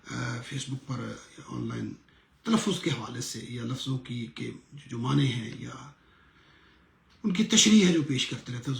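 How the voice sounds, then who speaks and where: A middle-aged man, a pastor, teaching a lesson in an earnest sermon style and slowly repeating words to show how they are pronounced. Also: medium pitch, creaky, roomy sound.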